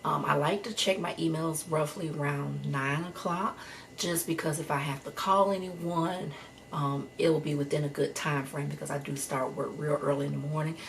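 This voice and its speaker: A woman working as an HR case manager, talking to her viewers in a relaxed, chatty vlog style from home. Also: low voice, moderate pace, creaky, slight background noise. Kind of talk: casual vlog talk to viewers. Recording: a little distant from the mic, faint room ambience.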